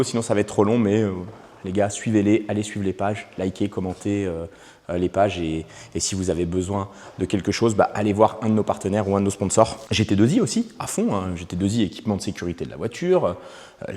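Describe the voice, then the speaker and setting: A lowish male voice chatting in an excited, slangy vlog style, his words trailing into a long reverb. He talks loosely, piling up fillers and restarts as he shows off his car and products. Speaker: vlogger presenting his drift car. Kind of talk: casual vlog chat.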